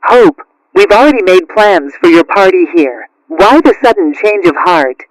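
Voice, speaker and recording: Man as a high-voiced, caring mother cat. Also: animated, a little slow, no room sound, poor audio. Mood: gentle concern. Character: caring, gently firm middle-aged mother cat. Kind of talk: cartoon character acting.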